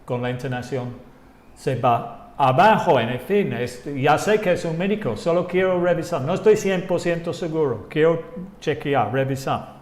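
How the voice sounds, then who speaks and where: A man's voice: a little high, animated, moderate pace, reverberant. A man whose first language is English, teaching an online English lesson in Spanish and repeating example phrases to show rising and falling intonation.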